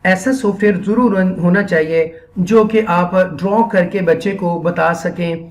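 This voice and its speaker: Here a man's high voice carries fairly even intonation as he, with a Pakistani accent, runs an earnest instructional session for Quran teachers. He tends to repeat phrases and blends English into the lecture.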